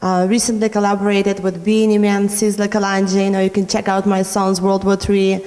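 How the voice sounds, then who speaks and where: A woman's voice: medium pitch, completely flat delivery, brisk, dark tone, in a large hall. A young woman from Norway, a recording artist, talking about her music in an interview, with many "you know" fillers. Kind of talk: interview answers.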